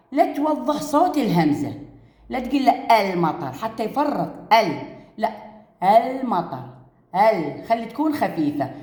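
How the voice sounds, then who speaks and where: A woman's voice: fairly low pitch, darkish tone, roomy sound. A woman teacher with an Iraqi Arabic accent giving a reading lesson to first graders, drawing out words and repeating each one. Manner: reads words slowly syllable by syllable, repeating each. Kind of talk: recorded reading lesson for young pupils.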